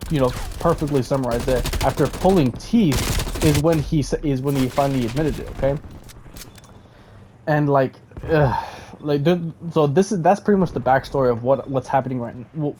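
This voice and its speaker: A man's voice: fairly high pitch, background noise. A man giving casual rambling commentary, stammering and restarting, often checking in with "okay?". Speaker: commentary vlogger.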